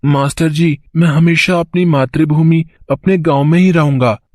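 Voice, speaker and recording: A man's voice: fairly high pitch, steady tone, normal speed, darkish tone, no room sound, clean studio sound, close to an everyday voice. A man voicing an eager young schoolboy in a cartoon. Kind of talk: cartoon voice acting.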